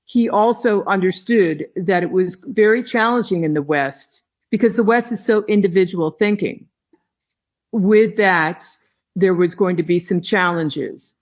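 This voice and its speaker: A woman who heads a tea company, giving slow, reflective interview answers with her phrases broken by pauses. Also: medium pitch. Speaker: tea company head, podcast guest.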